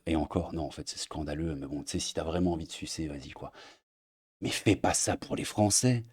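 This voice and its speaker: A man's voice: very deep voice, brisk, a little mellow, husky. A young Belgian man with a Belgian French accent, ranting casually to his audience in a mocking, crude way, full of fillers. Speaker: streamer. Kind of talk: casual rant to camera. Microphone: desk mic at editing setup.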